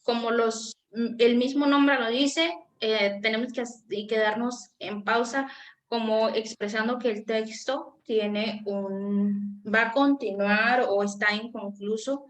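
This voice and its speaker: Patient woman teacher, high voice. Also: fairly even intonation, slow. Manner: patient, questioning, searches for words. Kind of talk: online class lesson.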